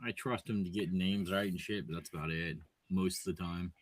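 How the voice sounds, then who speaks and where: A man co-hosting a podcast in loose casual chat, swearing freely, laughing often and trailing off quietly. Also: low-pitched, steady tone, moderate pace. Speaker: podcast co-host.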